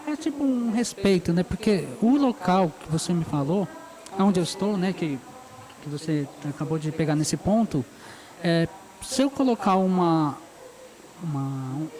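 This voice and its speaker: A man's voice: high voice, lively intonation, unhurried, a little mellow, low-quality recording. A man in his forties from São Paulo, a caricaturist being interviewed at an outdoor street fair, chatty and easygoing, often laughing as he tells stories. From São Paulo, Brazil. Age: 40s. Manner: easygoing, chatty, laughs while telling anecdotes. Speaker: guest caricaturist. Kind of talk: casual interview. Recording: busy outdoor crowd noise.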